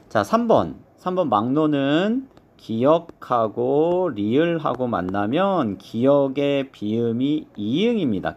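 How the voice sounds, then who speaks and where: A man teaching an exam review lesson, explaining step by step and slowly modeling each pronunciation. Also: on the low side, a little mellow, muffled recording.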